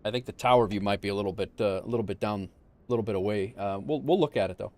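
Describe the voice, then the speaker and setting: A man giving casual livestream commentary on a flight simulator game, informal and thinking out loud. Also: fairly low pitch, racing, slight background noise.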